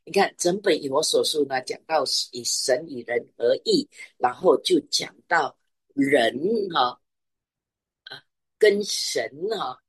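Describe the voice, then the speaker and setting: A woman's voice: very deep voice, slow, breathy edge, no room sound. A middle-aged woman preaching a sermon, stressing her points by repeating phrases.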